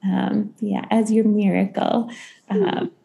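A woman hosting a podcast and giving an intuitive reading, gentle and halting with many pauses and ums, speaking reassuringly. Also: mid-range voice, level tone, creaky.

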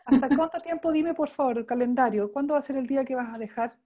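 A woman's voice: high voice, quick pace, mellow. A woman coaching trainer teaching live and informally, effusive and emphatic, often checking in with short questions. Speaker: coaching trainer leading an online class.

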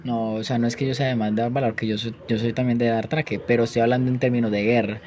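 A man's voice: mid-range voice, flat delivery, fast talker, a little mellow. A man in his late teens with a Colombian accent, chatting casually and slangily like a podcast host. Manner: slangy, banter-prone. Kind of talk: casual chat.

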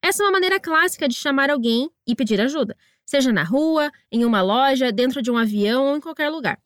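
A woman hosting an English lesson, encouraging and slowing down to drill pronunciation. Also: high voice, animated, no room sound, studio quality. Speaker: English teacher and podcast host. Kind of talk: scripted language lesson narration.

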